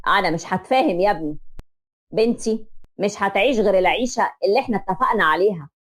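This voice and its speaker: A woman voicing a stern, protective middle-aged father with an Egyptian accent, speaking in a grave, measured way in a told story. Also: medium pitch, expressive, voice pushed down, close to an everyday voice. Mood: firm, stern.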